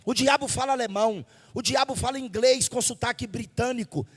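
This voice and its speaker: A Brazilian man preaching a fervent Pentecostal sermon into a handheld mic at a church service, shouting and repeating phrases for the congregation. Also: very high-pitched, a little fast, in a large hall. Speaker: pastor. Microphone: handheld microphone.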